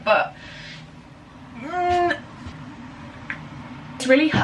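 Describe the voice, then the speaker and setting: A young woman chatting casually in a vlog, rambling and bubbly, fast and breathless after a workout, filmed in her kitchen. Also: mid-range voice, fairly bright tone. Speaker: lifestyle vlogger. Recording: slightly distant camera audio with faint room noise.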